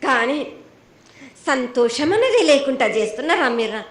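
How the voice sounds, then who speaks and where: Delivering the yearly festival prophecy, a Telangana-accented woman speaks as an oracle in a high-pitched, very animated trance voice at a moderate pace, with reverberation around her. Her scolding comes in short, stern, repeated phrases.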